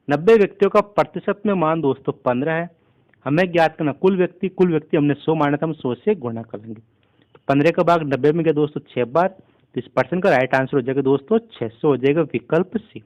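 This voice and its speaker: A man talks through exam maths problems in a steady, step-by-step way. His voice sits a touch higher than most men's, and he keeps the tone of a patient tutor. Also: fast talker, dull audio. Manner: steady step-by-step explaining, keeps addressing listeners as friends. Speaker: maths teacher. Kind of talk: exam-prep maths lesson.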